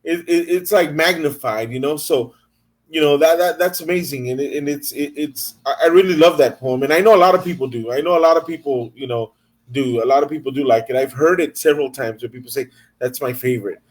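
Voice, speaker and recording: A man's voice: a little high, fairly quick. A man hosting an interview, enthusiastic and stammering, repeating words as he searches for what to say. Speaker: interview host. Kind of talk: casual interview chat.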